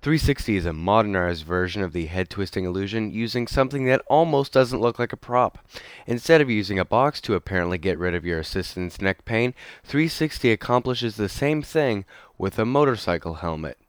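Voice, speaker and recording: Host reviewer, male, deep and resonant, wry delivery, dry close-miked sound. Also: animated, fairly quick, smooth, no echo. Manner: dry, wry commentary with occasional fillers. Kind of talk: scripted product review.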